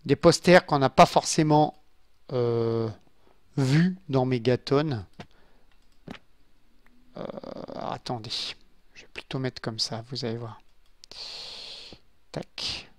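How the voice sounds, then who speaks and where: Speaking slowly and pausing often, a man with a medium-pitched voice provides casual let's-play commentary from his home computer. The gaming YouTuber chats and mutters asides to his viewers while building, in a home room with a glass desk, and the recording is dry.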